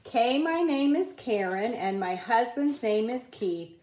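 A woman reading a children's picture book aloud at a table, in a slow, careful read-aloud cadence. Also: on the high side, lively intonation, a little mellow, echoey room. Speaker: reader. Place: indoors at a wooden table.

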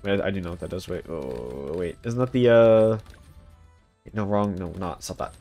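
Young man, livestream gamer, rambling casual talk, lowish voice, faint game music behind. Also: normal speed, dark tone. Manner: rambling, filler-heavy, talking to chat. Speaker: streamer. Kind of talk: casual live gameplay commentary.

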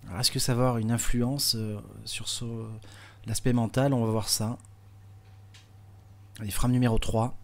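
A man's voice: medium pitch, little pitch movement, moderate pace, pauses often. A man giving live bowling commentary, chatty and explanatory, with many small fillers. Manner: chatty, explanatory, with frequent hein and euh fillers.

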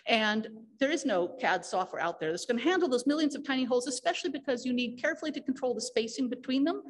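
A woman's voice: high voice, animated, fast talker. A woman giving a technical conference talk in a lecture hall, explaining with frequent fillers and restarts. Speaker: conference speaker.

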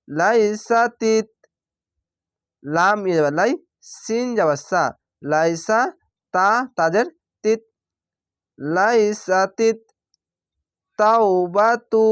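A man teaching Quran reading, spelling out each syllable slowly and drawing out the sounds. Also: sits high, no room sound, studio quality. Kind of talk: syllable-by-syllable recitation lesson.

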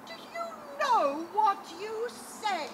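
A woman on an open-air stage playing a haughty, pompous female steward who speaks with slow, lofty disdain. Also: extremely high pitch, big pitch swings, background noise, exaggerated voice. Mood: indignant. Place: outdoor stage.

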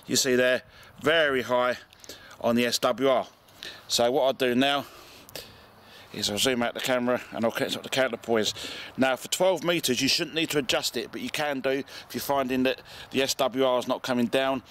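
A middle-aged British man presenting an amateur radio video gives a casual, hands-on demonstration outdoors in a garden. His voice is medium in pitch and a bit bright, at normal speed.

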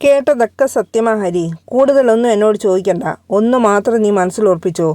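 Woman reading a cold storybook young man, flat and blunt, mellow dark tone. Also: medium pitch, fairly quick, dry recording, lightly acted.

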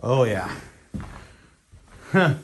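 A man's voice: mid-range voice, very animated, extremely slow. Teasing New England man, noisy outdoors. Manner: joking, teasing. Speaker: vlogger. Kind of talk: casual chat. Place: snowy woods and log cabin.

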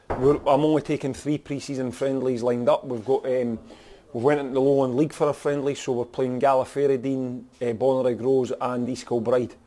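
A Scottish man speaks plainly as a football manager in a post-match interview. His voice is dark and mellow, and he talks in a frank, direct way with lots of "you know". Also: mid-range voice.

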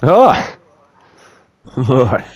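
A man's voice: mid-range voice, sing-song, very slow, dull audio. A man, laughing and exclaiming while playing a football game online with friends. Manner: giggly, exclamatory banter. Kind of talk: casual chat while gaming.

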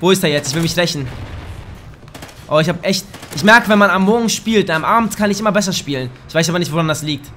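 Young man, high voice, slightly hoarse, excitable crude let's play commentary, faint gunfire in the background. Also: quick pace, slight background noise. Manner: excitable, crude, bursts into shouts. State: a bit hoarse. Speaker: gaming YouTuber. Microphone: desk microphone.

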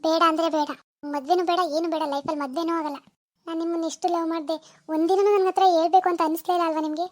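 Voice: very high-pitched, level tone, racing, no room sound, clean studio sound. A woman playing a hurt young village woman who bitterly turns down her deceiving lover on a phone call. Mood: reproachful. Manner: reproachful, refusing, bitter. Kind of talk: amateur phone-call drama.

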